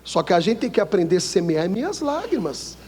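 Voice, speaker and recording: Husky high-voiced Brazilian pastor preaching. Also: male voice, very animated, a little fast, darkish tone, in a large hall. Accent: Brazilian Portuguese. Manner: call-and-response preaching, asking the congregation to answer. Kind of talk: sermon. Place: church hall.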